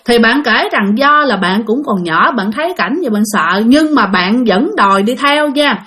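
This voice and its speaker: A woman with a Southern Vietnamese accent telling a ghost story in an animated way, addressing her listeners directly. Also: fairly high pitch, normal speed. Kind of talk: spoken ghost story narration.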